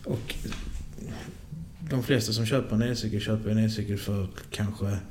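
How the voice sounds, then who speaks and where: Calm guy on a crime podcast explaining stuff, warm dark voice. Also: on the low side, slight background noise. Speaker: podcast co-host. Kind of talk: casual true-crime podcast chat.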